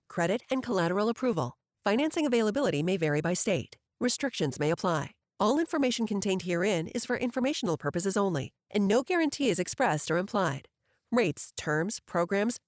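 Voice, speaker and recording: A woman's voice: mid-range voice, no echo. Lady reading legal fine print for a podcast, formal and careful, up-and-down intonation, really dry sound. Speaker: disclaimer narrator for a financial podcast. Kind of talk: formal scripted legal disclaimer read.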